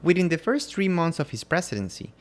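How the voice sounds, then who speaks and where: A man's voice: fairly high pitch, very animated, a little fast. A man from Ecuador co-hosting a scripted history podcast, reading prepared lines in turns with his co-host.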